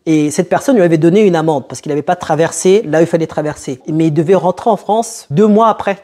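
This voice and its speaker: A young man with a slightly high, dark-toned voice talks fast while hosting a casual YouTube advice vlog for newcomers. He speaks straight to his viewers and puts rhetorical questions to them.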